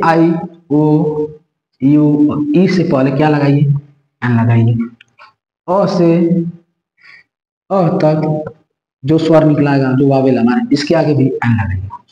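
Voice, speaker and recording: A man's voice: a little high, dark tone, reverberant, lo-fi sound. A man teaching an English grammar lesson, repeating points and checking in with the listeners often.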